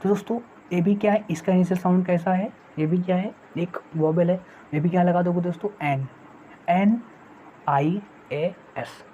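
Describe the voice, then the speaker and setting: A woman gives an online exam-prep grammar lesson in a low, mellow voice. She keeps putting rhetorical questions to her viewers and repeats her key points. The recording is dull and lo-fi, with faint hiss underneath. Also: level tone, fast. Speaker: English teacher. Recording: dull lo-fi sound with faint noise.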